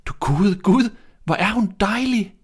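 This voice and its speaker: Little kindly dwarfs, voiced by a man reading a storybook. They speak in a lifted, eager register that is higher than the narration. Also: sing-song, a bit bright, heavily acted. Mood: delighted. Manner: raised, eager voice.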